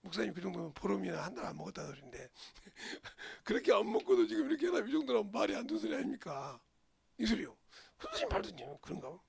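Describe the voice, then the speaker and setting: An older man preaching a sermon, emphatic, firing rhetorical questions and swinging between loud outbursts and murmurs. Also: sits high, big pitch swings, fast, vocal fry, a crowd in the background. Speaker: pastor.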